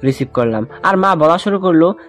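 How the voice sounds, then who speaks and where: A man's voice: a little high, animated, fairly quick, a bit bright. Chatty male storyteller over music. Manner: chatty, addresses listeners. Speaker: story narrator. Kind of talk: first-person romantic story narration. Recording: music bed underneath.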